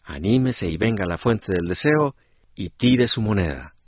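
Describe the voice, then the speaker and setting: A man's voice: lowish voice, expressive, moderate pace, highs cut off, lightly acted. A man playing a friendly wishing-fountain barker in an educational radio skit. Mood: explaining.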